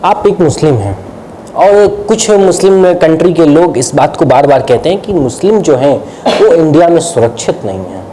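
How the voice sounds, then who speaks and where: An interviewer with a mellow voice puts short, pointed questions to a guest. The pitch rises and falls a lot, and faint noise sits behind the voice. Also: sing-song, moderate pace, low-quality recording.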